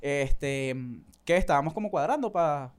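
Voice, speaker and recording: A young Venezuelan man talking as a podcast guest, relaxed and slangy, laughing easily. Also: on the high side, unhurried, smooth. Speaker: podcast guest, street vendor and content creator. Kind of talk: casual conversation.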